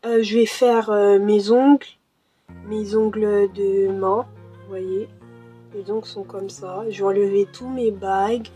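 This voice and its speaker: This young adult YouTuber, born in Cameroon but raised in France, talks casually in a home vlog as she paints her nails, hesitating with many fillers and restarts. She has a medium-pitched, dark voice with fairly even intonation and an unhurried pace. A desk mic picks her up over faint background music.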